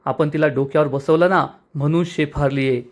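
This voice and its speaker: A man's voice: on the high side, steady tone, moderate pace, natural voice. Man voicing a vengeful proud young woman. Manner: bitter, threatening.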